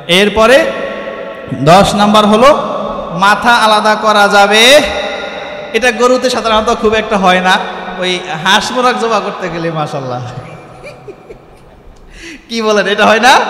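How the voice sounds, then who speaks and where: A man's voice: high voice, bright, forceful tone, echoey room, long reverb tail. A man preaching a sermon who keeps asking his listeners questions and answering them himself, and chants Arabic supplications.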